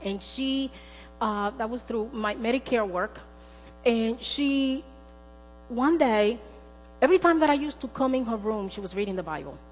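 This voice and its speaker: A woman's voice: a little high, expressive, normal speed. A woman preaching a sermon in a church, emphatic, repeating words for stress as she tells a story. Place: church sanctuary. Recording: long hall reverb with faint mains hum.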